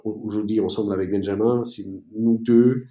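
A man from East Germany, a native German speaker, answering interview questions in a halting way with many fillers and restarts. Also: lowish voice, fairly even intonation, mellow, roomy sound. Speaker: entrepreneur guest.

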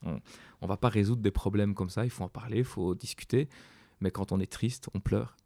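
A father answering an interview question in an earnest, measured way. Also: fairly low pitch, fairly even intonation, vocal fry, dark tone, no room sound, studio quality.

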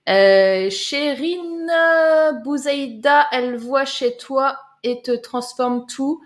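Chatty woman coach with a higher voice. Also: drawn-out words. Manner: chatty, loose, repeats words and fills with euh. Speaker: life coach. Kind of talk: live-stream Q&A answering chat comments.

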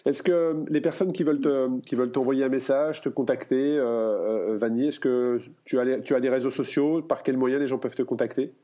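A man hosting a podcast interview, talking in a relaxed way with many hesitations. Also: mid-range voice, normal speed, few pauses. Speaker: podcast host.

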